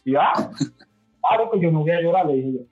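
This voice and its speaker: A man's voice: a little high, animated, fairly quick, slightly rough, soft background music. A Venezuelan man, a podcast guest, telling his story in a rambling, casual way with many fillers and restarts. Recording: tinny phone-like line.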